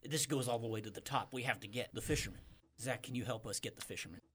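A performer voicing an earnest merman mayor in improvised comedy, halting as he pleads and reasons. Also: mid-range voice, fairly bright tone, breathy edge. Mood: conciliatory. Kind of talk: improvised comedy role-play.

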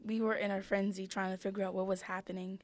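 A woman's voice: medium pitch, flat delivery, fast talker, close to an everyday voice. A woman voicing a feisty, suspicious mermaid who accuses others in improvised comedy. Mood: indignant. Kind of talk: improvised comedy role-play.

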